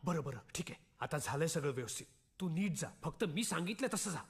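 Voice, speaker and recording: A man's voice: on the high side, expressive, creaky, breathy edge, full character voice. An actor playing a glib, joking young man who covers for his friends in a film comedy. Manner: glib, joking, quick to agree. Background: film score music.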